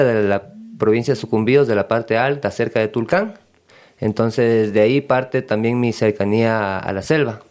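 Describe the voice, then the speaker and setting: A man with an Ecuadorian accent, a guest in an interview, speaking in a relaxed and hesitant way with many fillers. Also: medium pitch. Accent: Ecuadorian Spanish. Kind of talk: casual interview.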